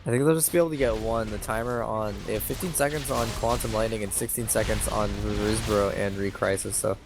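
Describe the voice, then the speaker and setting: A man giving color commentary on an esports match, breaking down plays and tripping over his words when things get exciting. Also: on the low side, fast. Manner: analytical, stumbles and restarts when excited. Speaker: esports caster. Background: game music.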